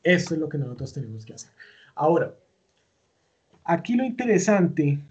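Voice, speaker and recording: A man's voice: a little high, big pitch swings, moderate pace, darkish tone, breathy edge, highs cut off. A man teaching a recorded online class, walking through each step patiently with many fillers and self-corrections. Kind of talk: recorded online class, screen-share tutorial.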